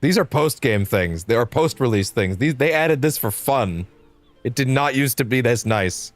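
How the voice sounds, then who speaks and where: A man's voice: medium pitch, lively intonation, moderate pace. A man giving casual, sweary live gameplay commentary, thinking aloud as he plays. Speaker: game streamer. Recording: game music behind voice. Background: game music.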